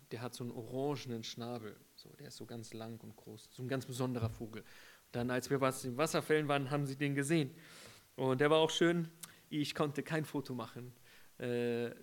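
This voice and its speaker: A man giving a conversational Bible teaching, asking rhetorical questions and using everyday examples, with frequent hesitations and swings from loud emphasis to quiet, near-whispered asides. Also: medium pitch. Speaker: preacher.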